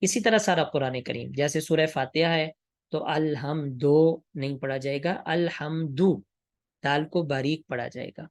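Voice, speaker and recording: A man giving a tajweed lesson, explaining pronunciation in a measured way and slowly drawing out sample words in recitation. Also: fairly high pitch, dry recording, clean studio sound. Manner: slow, drawn-out demonstrations of Arabic pronunciation. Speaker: Quran recitation teacher.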